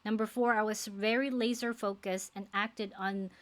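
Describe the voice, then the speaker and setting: A Filipino woman in her forties, speaking English as a second language with a Filipino accent, talks earnestly to the camera as a faith-based life coach, dropping in many fillers. Her medium-pitched voice is a little bright, with fairly even intonation and a normal pace. It's a casual to-camera chat.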